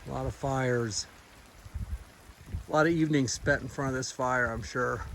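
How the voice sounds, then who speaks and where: A man's voice: mid-range voice, steady tone, normal speed, a bit bright. A man talking casually to his camera as he hikes, in an understated, musing and informal way. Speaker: hiker filming a trail vlog. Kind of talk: casual outdoor vlog narration. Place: outdoors on a mountain trail in wet, windy weather. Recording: noisy outdoor recording with wind and rain.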